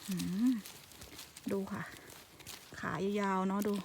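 A woman's voice: slow pace, a little mellow, a little hiss or hum. A woman chatting casually to her camera while foraging in a forest, full of exclamations. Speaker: vlogger. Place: forest outdoors.

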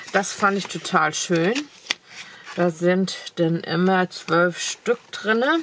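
The speaker, a crafting vlogger who has a cold, has a lowish, gravelly voice that's a bit bright, with slight background noise. In a casual haul video she enthusiastically chats about craft supplies at her desk, peppering her talk with fillers, while an overhead camera shows only her hands.

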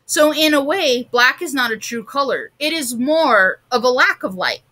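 A clever young girl in a storybook cheerfully shares what she knows and tells riddles, as a woman reads her lines. She sounds pleased with herself. The voice is high and bright. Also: lively intonation, moderate pace.

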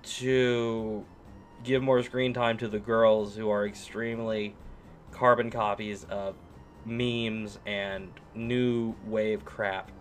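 A man's voice: on the low side, level tone, slow pace, slight background noise. A man giving a crude, rambling ranting commentary. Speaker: reviewer being critiqued.

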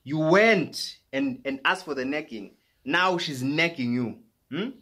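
A South African man with a South African accent giving a mock lecture in a comedy skit, teasing and building to shouts. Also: on the high side, expressive, measured pace. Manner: mock-teaching, rising to shouting.

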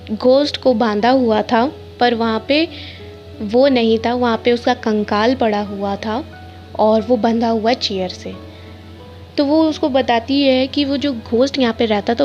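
A woman with a somewhat high voice retells a classic ghost story in a relaxed, conversational way, quoting the characters in her own voice. The recording sounds dull and lo-fi, with faint music underneath. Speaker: storyteller summarizing a novel.

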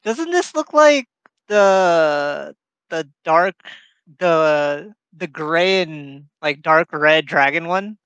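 A young man with a mid-pitched, animated voice chats easily as a guest. He asks questions and muses in a relaxed way, recorded dry and close. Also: very slow, clear, resonant tone, no room sound, highs cut off. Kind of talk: casual gaming chat.

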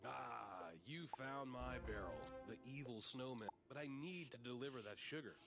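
A man's voice: mid-range voice, moderate pace, gravelly, close to an everyday voice. An actor playing a worried male merchant in scripted fantasy video game dialogue. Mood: worried, pleading. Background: game music.

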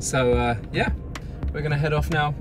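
A man's voice: a little high, moderate pace, music in the background. Easygoing British man chatting while driving. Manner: cheerful, easygoing, narrating to camera. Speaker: vlogger. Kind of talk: casual travel vlog chat. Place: inside a van cab, driving.

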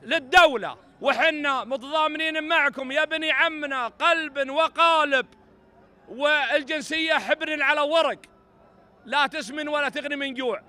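High, forceful Saudi Bedouin Arabic orator, male. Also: normal speed. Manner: declamatory, projected to a crowd. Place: open desert ground, outdoor mass gathering. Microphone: stand microphones.

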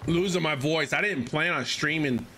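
Speaking at normal speed in a fairly high, pushed and bright voice, a man in his thirties streams a game live via headset mic, with a little hiss or hum in the audio. He chats casually, repeats himself, swears, and keeps coughing as he says his voice is failing.

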